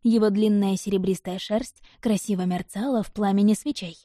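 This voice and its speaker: A woman narrating a first-person audiobook in an even, measured storytelling manner. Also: medium pitch, no room sound, clean studio sound.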